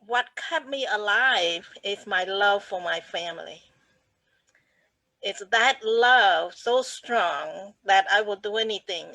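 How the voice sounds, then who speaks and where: An older woman from Cambodia speaks, slow and deliberate. Her voice is bright and forward, recorded dry and close. She talks earnestly and often restarts her phrases. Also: medium pitch, dry recording, rough recording. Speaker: guest speaker. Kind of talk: personal story in a conversation.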